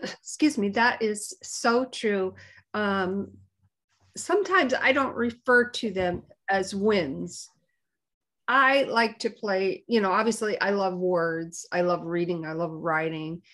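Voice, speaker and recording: A woman co-hosting a morning livestream, chatting casually in a reflective, halting way. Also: mid-range voice, fairly bright tone. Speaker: co-host of a sisters' morning livestream. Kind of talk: casual chat.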